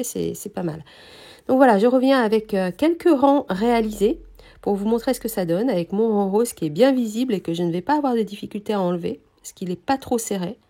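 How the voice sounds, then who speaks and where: A woman teaching a knitting technique, explaining each step calmly with frequent hesitations, her voice slightly nasal from a cold. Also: medium pitch, vocal fry. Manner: calm, hesitant explaining with many pauses. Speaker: knitting instructor. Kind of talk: knitting tutorial.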